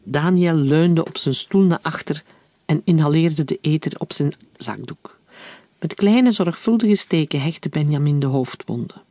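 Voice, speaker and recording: Male audiobook narrator, slightly high voice, calm, even delivery, dry close recording. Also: measured pace, no echo.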